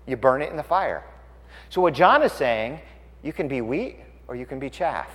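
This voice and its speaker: A middle-aged man preaching a sermon, swinging from loud exclamations down to quiet explanation. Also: medium pitch, expressive, normal speed, long reverb tail. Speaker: pastor.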